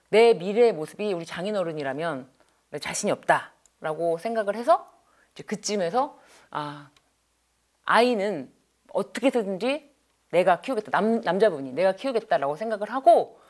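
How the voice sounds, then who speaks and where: Lively woman counselor telling a case. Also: mid-range voice, moderate pace. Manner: animated, expressive, acts out quotes. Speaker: divorce counselor and lecturer. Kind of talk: storytelling lecture.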